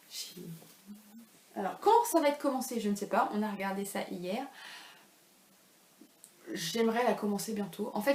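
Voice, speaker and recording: A woman's voice: medium pitch, a little mellow. A woman in her thirties who hosts a knitting podcast, chatting casually at home in a rambling, self-deprecating way with lots of fillers. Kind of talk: casual chat. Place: home room. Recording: echoey room with faint ambient noise.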